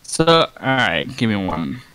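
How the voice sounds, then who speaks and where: A man playing a tabletop game over a video call, his audio cutting out from a bad connection, talking in halting starts and restarts. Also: on the low side, sing-song, fairly bright tone, dry recording. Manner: halting, restarts often, clears throat. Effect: choppy audio cutting out from a bad internet connection. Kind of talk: casual online game session.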